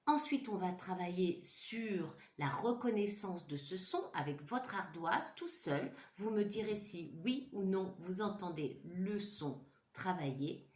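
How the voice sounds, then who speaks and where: A woman's voice: on the low side, expressive, measured pace, darkish tone. A woman teacher giving a home-school lesson to young children, patiently repeating sounds and words for them to echo. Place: home room. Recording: echoey room.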